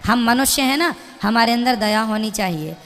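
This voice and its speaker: A spiritual preacher lectures an audience member with pointed rhetorical questions, speaking plainly and in moral terms. Her slightly high voice has lively intonation, a moderate pace and a fairly bright tone, set in long hall reverb.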